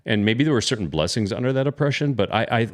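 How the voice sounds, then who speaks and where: A middle-aged man hosting a casual Bible discussion podcast, animated, laughing often and repeating words when excited. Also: mid-range voice, fast. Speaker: podcast host.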